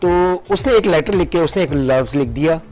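A man's voice: a little high, lively intonation, normal speed, darkish tone, faint music behind. A man talking as a guest on a morning show, making his points through anecdotes in a casual studio discussion. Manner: anecdotal, tells a joking story.

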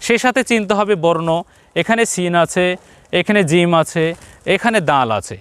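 A man teaching Quran reading on a TV lesson, addressing viewers directly, repeating points and drawing out syllables slowly. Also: high-pitched, expressive, a bit bright, clean tone, no room sound. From Bangladesh.

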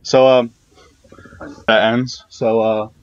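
A man's voice: mid-range voice, little pitch movement, takes it slowly, dull audio. A man giving casual, hesitant commentary while playing a video game, full of fillers and the odd curse. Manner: rambling, hesitant, swears when startled. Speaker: gameplay video creator.

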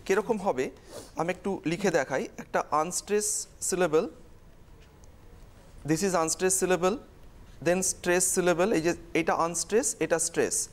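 A woman teaching a televised exam-prep lesson, explaining step by step and repeating key terms. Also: fairly low pitch.

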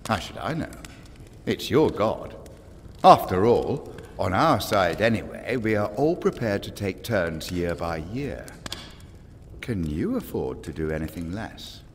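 An actor playing a smug old pagan island lord in an audio drama, pompous, taunting and silkily eloquent. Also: male voice, sits low, big pitch swings, unhurried, big-room sound, slight background noise, full character voice. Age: older.

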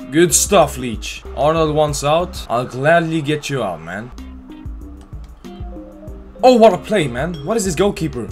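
A man at a middling pitch talks over his football game in loose, profane banter, mocking his players and grumbling at bad passes. He erupts into loud shouts whenever a goal goes in. Faint music plays underneath his voice. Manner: excitable, trash-talks players, shouts at goals. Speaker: gaming channel host. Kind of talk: casual profane gameplay commentary.

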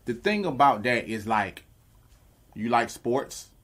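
A man's voice: mid-range voice, big pitch swings, slow pace, a bit bright. A man co-hosting a podcast, arguing bluntly and profanely in casual chat, laughing as he makes his points. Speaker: podcast co-host.

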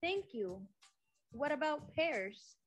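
A courteous fruit shopper from a recorded textbook dialogue, read by a woman. The voice sits high and moves at an unhurried pace. Every word is enunciated with care. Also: very animated, exaggerated voice. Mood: polite. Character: polite adult woman shopper buying fruit.

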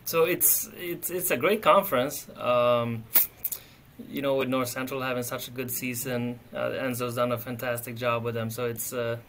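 A man in his thirties from Sweden, speaking English with a Swedish accent as a soccer coach, relaxed and often repeating words while he thinks, on a video call from an office. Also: medium pitch, moderate pace, slight background noise. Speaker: head soccer coach, guest. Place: office with window. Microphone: webcam on video call.

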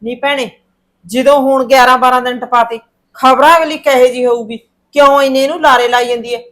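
A woman plays a fretful middle-aged mother in a short film drama, pressing her point again and again. Her voice is high, and her talk stays anxious and insistent. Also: steady tone, a little fast, a bit bright. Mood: worried. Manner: worried, insistent. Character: anxious mother worried about her son's marriage.

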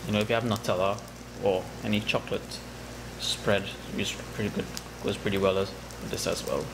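A man in his thirties with a Trinidadian accent, calmly explaining a recipe step by step in his home kitchen. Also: fairly low pitch, fairly quick, background noise. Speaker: home cook. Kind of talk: cooking demonstration. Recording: echoey kitchen with loud sizzling. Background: frying sizzle.

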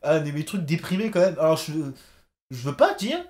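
A man's voice: on the high side, fairly quick. A young man giving casual reaction commentary on a TV show, joking and ranting with lots of swearing. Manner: swearing, joking, animated rants.

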